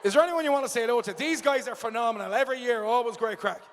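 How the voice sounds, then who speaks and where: Irish man, awards host, chatty and jokey, high voice, long hall reverb. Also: rapid-fire. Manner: chatty and jokey, interviewing guests. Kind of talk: live awards ceremony hosting.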